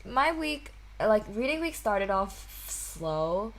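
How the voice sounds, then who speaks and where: A woman's voice: mid-range voice, big pitch swings, slow pace. A woman in her twenties from Hong Kong, hosting a casual podcast and chatting with lots of "like" and restarts. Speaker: podcast host.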